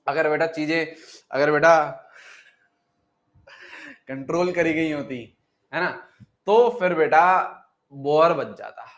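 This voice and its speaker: A man teaching a live online chemistry class, who repeats each phrase, calls the students "beta" and dictates notes slowly. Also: fairly high pitch.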